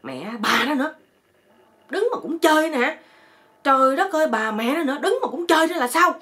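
A woman voicing an annoyed man who is being bitten by mosquitoes and yells in exasperation. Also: high-pitched, sing-song, normal speed, pitched above the performer's own voice. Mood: fed up. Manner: shouting, exasperated cursing. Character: annoyed man yelling about mosquito bites.

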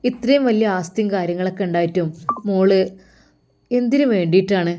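A woman's voice: mid-range voice, a little fast, a little hiss or hum, lightly acted. A woman voicing a caring mother who coaxes and reassures her daughter. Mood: coaxing. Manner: coaxing, louder.

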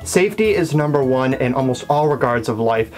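A man's voice: mid-range voice, expressive, a little fast, a little mellow, soft background music. A man giving earnest, emphatic safety advice as a vlog host, talking through a fursuit head. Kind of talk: instructional vlog.

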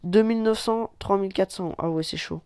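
A man from France giving casual let's-play commentary on a mobile tank game, excitable and quick to swear and cry out at the action. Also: high-pitched, smooth, no room sound, studio quality. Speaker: gaming YouTuber.

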